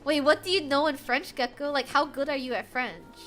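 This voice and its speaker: Laughing often, a young woman from the US chats with her viewers while gaming, her manner giggly and animated. She speaks a little fast in a high-sitting voice. Game music plays faintly behind her.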